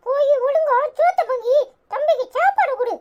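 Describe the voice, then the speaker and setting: A woman's voice: extremely high pitch, fairly quick, darkish tone, dull audio. A woman voicing a bossy older child who scolds firmly, with a Tirunelveli Tamil accent. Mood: scolding. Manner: firm, scolding.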